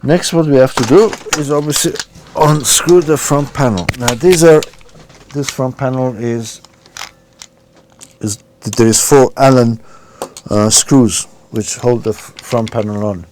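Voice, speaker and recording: This is an unscripted, casual repair walkthrough in which a man explains each step hesitantly while working with his hands. He has a medium-pitched voice and a measured pace, and the recording picks up clear background noise and handling clicks.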